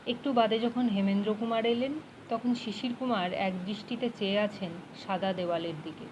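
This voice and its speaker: A woman narrating an audiobook in a steady, measured reading voice. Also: mid-range voice, background noise. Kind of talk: storybook narration.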